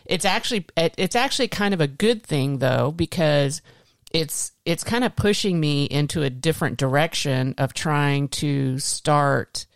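A woman's voice: low voice, measured pace, no room sound, clean studio sound. A woman speaking casually as the host of a podcast.

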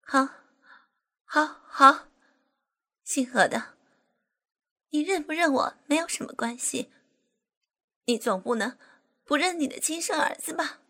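A woman voicing a shrill, furious scorned woman. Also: unhurried, long pauses, exaggerated voice. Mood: bitter. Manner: shrill, shouting, indignant. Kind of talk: audiobook character voice.

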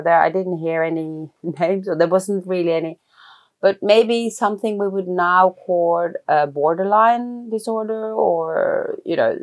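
A woman from Norway speaks English, her voice sitting a little low for a woman. She talks thoughtfully, pausing and restarting sentences as she searches for the right words. This is an unhurried, personal interview. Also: darkish tone. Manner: thoughtful, hesitant, many restarts. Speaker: guest, film writer-director.

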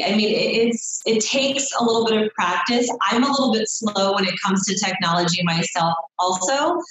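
Thirtysomething woman chiropractor chatting on a podcast, rambly with lots of i mean and you know, middle pitch, big echoey room. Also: fairly bright tone, a little hiss or hum. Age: 30s. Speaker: chiropractor guest. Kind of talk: casual podcast chat.

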